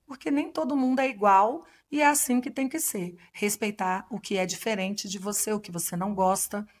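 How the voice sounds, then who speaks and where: A woman in her forties, a family lawyer, talking as a podcast guest and telling a personal story with lively acted-out dialogue. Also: medium pitch, brisk. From Brazil. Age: 40s. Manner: animated storyteller, acts out dialogue. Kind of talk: casual interview storytelling.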